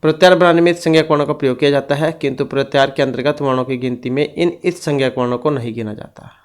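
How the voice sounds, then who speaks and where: A man's voice: mid-range voice, steady tone, fast talker. Man teaching a grammar lesson. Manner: explanatory, reads out rules and lists them one by one. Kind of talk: exam-prep grammar lesson.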